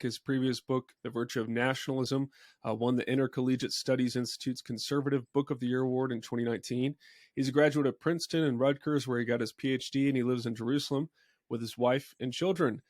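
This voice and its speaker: A man's voice: mid-range voice, a little mellow, no room sound. A podcast host from the United States, a man who is also a pastor, talks in a friendly, conversational way. He asks long, meandering questions. The recording is dry and close, with no room sound.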